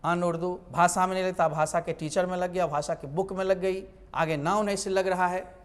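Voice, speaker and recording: A man's voice: high-pitched, steady tone, normal speed, big-room sound. A male teacher, explaining English grammar in a lecture. He asks his own questions and answers them.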